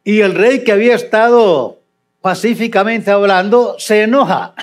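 A high-voiced older man, speaking at a moderate pace, preaches a sermon as a pastor. He reads scripture and then comments on it, swinging dramatically between loud emphasis and quiet asides.

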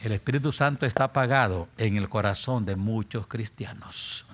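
A man preaching a sermon and leading a closing prayer, swinging from loud exhortation to hushed, near-whispered appeals. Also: fairly low pitch, moderate pace.

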